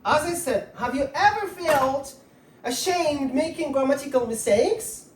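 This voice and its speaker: Writing while she explains, this woman gives viewers an English grammar lesson, posing questions, repeating points, and pronouncing words one by one. Her high voice is animated and unhurried, picked up by a distant mic in an echoey room.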